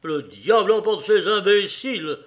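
A man's voice: sits high, measured pace, pitched above the performer's own voice. A cantankerous old moneylender, voiced by a man reading aloud in an audiobook. He roars and grumbles at everyone. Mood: furious. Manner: roaring, grumbling. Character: irascible old male moneylender.

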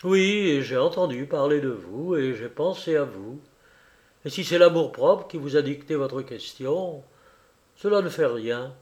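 A man reading as a gentle, sincere young man. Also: fairly high pitch, animated, a little slow.

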